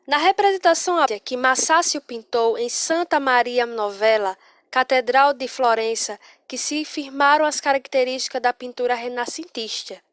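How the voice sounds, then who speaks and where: High-voiced woman teacher reading a lesson. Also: moderate pace, fairly bright tone, dry recording, studio quality.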